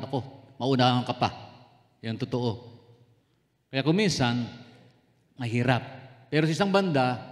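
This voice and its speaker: Filipino pastor preaching in a reverberant hall. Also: male voice, medium pitch. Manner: conversational, joking with the congregation, calling out to them. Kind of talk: sermon. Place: church hall. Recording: long reverb in a church hall.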